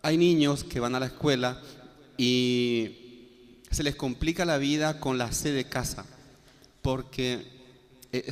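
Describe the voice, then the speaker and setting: A man giving a classroom lecture, spelling out letters one by one with many "eh" fillers. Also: fairly high pitch. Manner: explanatory, spells out letters one by one, frequent "eh" and "este". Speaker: guaraní language teacher. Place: classroom with students. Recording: long reverb in a hall.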